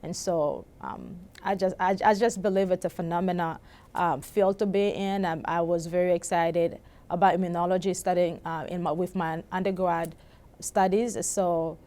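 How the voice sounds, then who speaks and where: A young woman from the Congo speaks with a slightly low voice. She tells a personal story at a conference booth in an earnest way. She often restarts her sentences and fills the gaps with fillers. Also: fairly even intonation, normal speed, dark tone. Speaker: PhD student.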